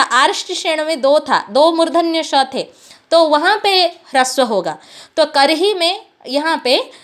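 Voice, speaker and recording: A woman giving an online Sanskrit class, explaining slowly and repeating terms. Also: sits high, a bit bright. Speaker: Sanskrit lecturer.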